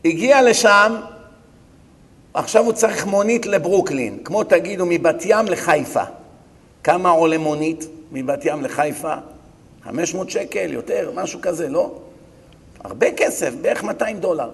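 A man, a rabbi, giving a dramatic sermon. He swings from loud outbursts to hushed asides and puts rhetorical questions to his audience. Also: sits high, lively intonation, in a large hall.

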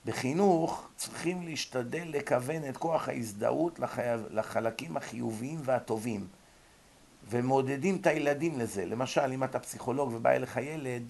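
Guy giving a religious psych lecture, gravelly voice, keeps asking the room if they get it. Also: mid-range voice, darkish tone. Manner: explains with rhetorical questions to the audience.

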